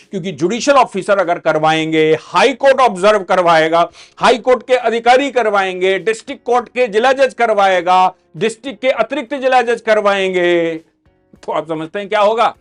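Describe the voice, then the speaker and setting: A man giving emphatic explanatory commentary on a court ruling, as a legal educator, posing rhetorical questions. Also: high-pitched.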